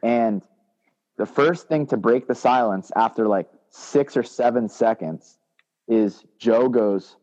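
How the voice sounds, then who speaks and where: A man in a relaxed chat, retelling a shared band story from his own memory. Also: mid-range voice, slow, in a large hall. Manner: laid-back, chiming in and retelling from his side. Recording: dull lo-fi sound.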